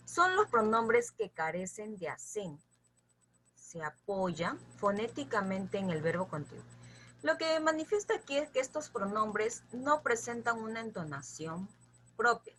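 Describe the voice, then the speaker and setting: Woman teacher going through grammar real slow, bright kinda husky voice, keeps checking w students. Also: medium pitch. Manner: patient, addresses students directly with frequent check-ins; repeats lists slowly for memorizing. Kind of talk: grammar lesson explanation.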